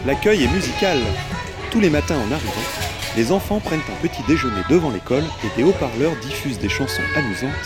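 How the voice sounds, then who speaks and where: A man narrating a cycling travel story in a calm, scripted way. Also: medium pitch, fast talker. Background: loud children's music.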